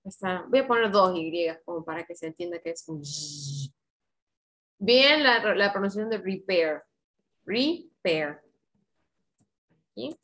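A woman with an Argentine Spanish accent teaches English online, modeling words carefully and coaching pronunciation in a slow, patient, encouraging way. Her voice is lowish, expressive and fairly bright, though the recording is rough.

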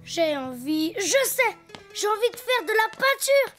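A little boy donkey is voiced in a very high, childlike cartoon style, chattering to himself at an unhurried pace. The full character performance is cheerful, busy, imaginative and expressive, with faint music in the background.

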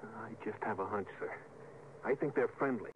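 An actor playing an earnest, eager junior spaceship officer, deferential and urgent, in 1950s radio drama style. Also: male voice, on the low side, normal speed, lightly acted. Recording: tinny vintage radio recording, faint noise.

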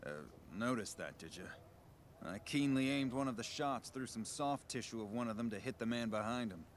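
A man playing a smug, self-important mercenary bodyguard in a video game, talking briskly and confidently. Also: medium pitch, slight background noise, close to an everyday voice. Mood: smug, guarded. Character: smug, cocky male mercenary bodyguard, shady con artist. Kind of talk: video game character dialogue.

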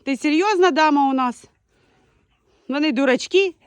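A woman's voice: sits high, moderate pace, no room sound. Chatty woman from Ukraine calling her dogs. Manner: chatty, shouting dog names, laughing. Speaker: dog breeder. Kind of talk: casual vlog commentary. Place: outdoors in a village yard with dogs.

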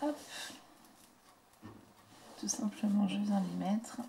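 A woman hosting a casual craft tutorial, talking through each step in a chatty, soft-spoken way and murmuring quietly as she works. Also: medium pitch, fairly even intonation, slow, gravelly, a little hiss or hum.

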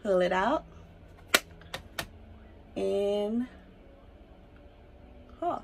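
A woman's voice: medium pitch, expressive, extremely slow, gravelly, noisy background. A young woman vlogger talking casually with floss in her teeth while she demonstrates, with faint music behind. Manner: laid-back, chatty, demonstrating as she goes. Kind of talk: casual how-to vlog.

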